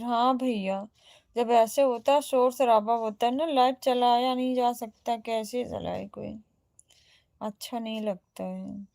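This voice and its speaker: Reading viewer comments aloud and replying to each in turn, a woman with an Awadhi accent chats casually on a livestream. Her voice is on the high side and a little mellow, with no room sound.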